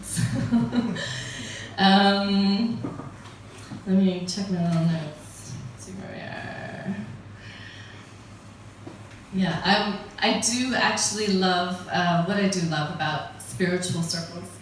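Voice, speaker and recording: The middle-aged American comedian speaks low and slowly, with fairly even intonation and long pauses, while delivering chatty, wry jokes she laughs at herself. Slight background noise accompanies her distant voice in an echoey room.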